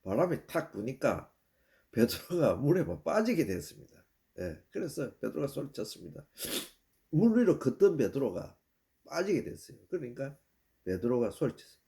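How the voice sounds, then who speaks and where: Older male preacher, gravelly, plain story-driven sermon. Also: mid-range voice, big pitch swings, normal speed, warm tone. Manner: plain storytelling with repeated "예" and restarts.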